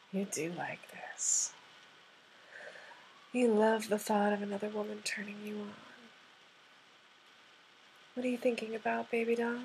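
Slow, soft-whispering woman. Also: medium pitch, a little hiss or hum, rough recording. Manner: soft, half-whispered, coaxing and gently commanding. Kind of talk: intimate audio roleplay addressed to the listener.

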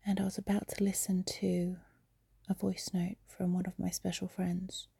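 A young adult woman whispering softly and confidingly into a phone while lying in bed. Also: on the low side, monotone, dry recording, clean studio sound. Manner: soft breathy whisper, unhurried and confiding. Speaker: amateur audio creator. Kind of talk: whispered intimate audio diary. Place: in bed, lying on her side. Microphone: phone held close.

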